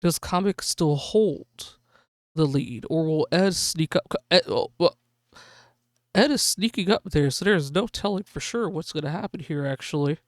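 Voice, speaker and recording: A woman hosting a live gaming stream, excitedly calling a race like a sportscaster for her viewers. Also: low-pitched, unhurried, no echo, clean studio sound. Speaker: livestream host.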